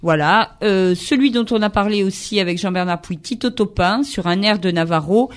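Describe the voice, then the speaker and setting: A radio host leading a lively book chat, who often finishes the guest's sentences. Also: medium pitch, normal speed, clear, resonant tone.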